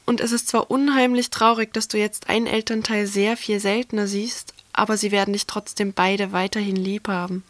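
A woman voicing a shy, gentle, lonely male garden monster in a storybook reading, speaking softly and kindly with a slight tremble. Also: mid-range voice, level tone, moderate pace, hardly any pauses, lightly acted. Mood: consoling. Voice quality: soft, trembling voice. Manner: kind and comforting.

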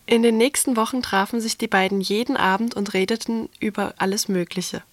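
Woman, children's story reader, calm narration, dry close sound. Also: medium pitch, a little fast, dry recording.

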